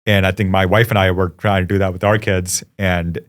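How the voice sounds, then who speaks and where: A young adult man from India, a company founder reflecting warmly in a casual podcast interview, with lots of ums and uhs. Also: low voice, little pitch movement, a little fast. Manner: warm, reflective, frequent fillers.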